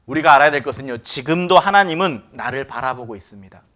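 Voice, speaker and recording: A man's voice: medium pitch, expressive, fast talker. A man preaching a sermon as pastor in a church, often asking the congregation rhetorical questions. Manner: acts out quoted lines with sudden loud outbursts.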